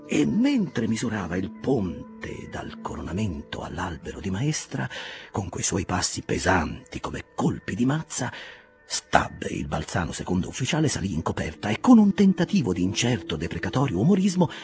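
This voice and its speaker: A man reading a literary audiobook in a measured, expressive way. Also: sits low. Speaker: audiobook reader.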